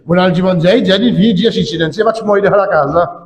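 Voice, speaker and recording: In a hall whose long reverb echoes around him, a man preaches as imam, stressing his points, repeating himself, and leaning on tag words. He has a high voice and a brisk delivery.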